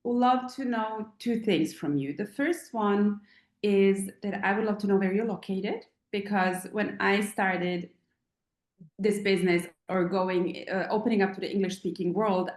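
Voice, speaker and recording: A Serbian woman of about forty, a feng shui teacher, hosts a live online Q&A call in a medium-pitched, slightly mellow voice. Her casual talk rambles, with many fillers and restarts, and the room sounds echoey.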